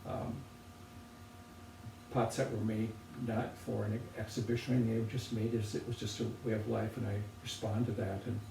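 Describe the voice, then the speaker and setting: Older man, gravelly voice, warm dark tone, reflective potter, roomy distant recording. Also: fairly low pitch, level tone. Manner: thoughtful, unhurried, with pauses and restarts. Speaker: potter presenting objects. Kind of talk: relaxed reflective conversation. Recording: roomy, distant from the mic, faint noise.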